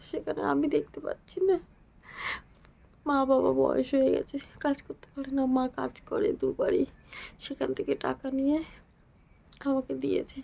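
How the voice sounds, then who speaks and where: A woman with a sore throat vlogging from home, her voice hoarse and gravelly, kept low and half-whispered. Her tone is high but dark and mellow. She speaks casually to a phone camera. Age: adult with a daughter. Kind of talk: casual daily vlog.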